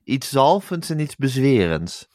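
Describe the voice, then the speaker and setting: A man with a mid-range pitch co-hosting a podcast, chatting casually about politics. He is agreeable and keeps chiming in with short affirmations. The sound is dry and close-miked. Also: big pitch swings, unhurried, a little mellow, no room sound. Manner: agreeable, lots of back-channel yeses. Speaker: podcast co-host.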